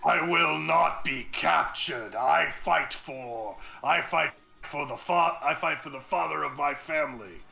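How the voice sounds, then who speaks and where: A man's voice: on the high side, measured pace, creaky, hardly any pauses, sharp tone, exaggerated voice, low-quality recording. A man voicing a fanatical, defiant soldier in a tabletop game, declaiming theatrically. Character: fanatical, defiant male cult soldier, driven to die.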